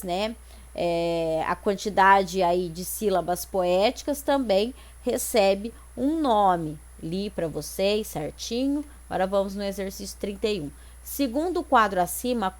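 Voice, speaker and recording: A woman's voice: medium pitch, darkish tone. A Brazilian woman teacher explaining exercises step by step in an online lesson, with frequent tag questions to check that her students follow. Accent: Brazilian Portuguese. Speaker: Portuguese teacher.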